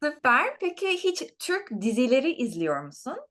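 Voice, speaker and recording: Lively, melodic woman interviewing. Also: high-pitched, moderate pace. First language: Turkish. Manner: encouraging, repeats phrases simply for the learner. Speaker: interviewer, language teacher. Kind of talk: casual interview chat.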